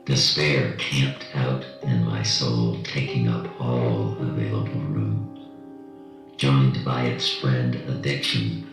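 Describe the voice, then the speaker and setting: An anonymous speaker whose voice is electronically disguised, pushed extremely low with a gravelly, grinding fry. It sounds distant and drenched in heavy echo, with clear music playing underneath. The delivery is slow and solemn. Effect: voice electronically altered to sound very deep. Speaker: anonymous guest telling a personal story. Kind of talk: slow, solemn personal testimony.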